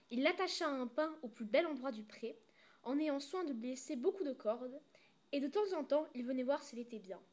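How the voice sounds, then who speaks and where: A woman reads a storybook aloud with a clear, expressive delivery. Her voice is notably high. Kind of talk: storybook reading.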